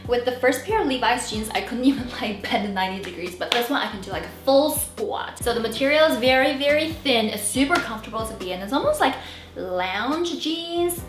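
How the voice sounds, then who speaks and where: A young woman chatting casually as a fashion vlogger in her bedroom, bubbly and quick to laugh. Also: fairly high pitch, lively intonation, echoey room, music in the background. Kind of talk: casual vlog chat.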